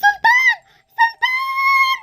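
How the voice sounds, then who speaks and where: A woman voicing a frightened, excitable young girl in a Roblox story drama, with an Egyptian accent, stammering through nervous laughter. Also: very high voice, slow, raised voice, faint music behind, heavily acted. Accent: Egyptian Arabic. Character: scared excitable young girl, the hero's sister.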